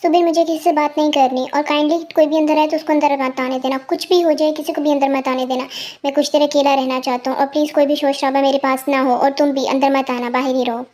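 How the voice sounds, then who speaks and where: A brooding, lovesick young man in a storybook, muttering angrily to himself, read out by a woman. The voice stays high and the lines come quickly. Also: steady tone, a little mellow. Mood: angry.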